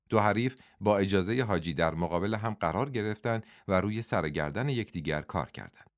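Low-voiced male audiobook narrator. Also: no room sound, studio quality. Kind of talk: scripted narration.

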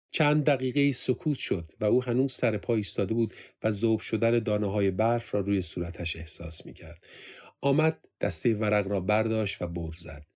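Man narrating a story calmly. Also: on the low side.

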